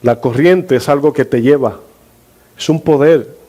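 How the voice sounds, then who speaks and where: A man's voice: mid-range voice, unhurried, dark tone. A male pastor preaching a sermon, questioning his congregation and drawing out key words for emphasis.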